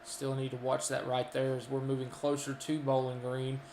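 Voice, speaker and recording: A man's voice: mid-range voice, completely flat delivery, normal speed, darkish tone, reverberant, slight background noise. A man with a Kentucky accent giving live storm radar commentary, folksy and full of ums and uhs as he lists towns. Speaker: storm chaser and weather streamer.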